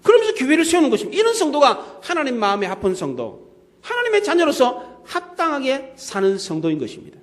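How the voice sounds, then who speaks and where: A man preaching a sermon as pastor, telling lively everyday stories and acting out the scenes he describes. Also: very high voice, fast talker. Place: church sanctuary. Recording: long reverb of a church hall.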